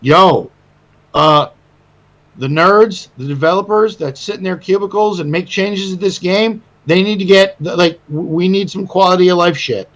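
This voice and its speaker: A man co-hosting a casual gaming podcast, animated and swearing freely, often stammering and restarting. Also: high-pitched, normal speed, poor audio. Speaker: podcast co-host.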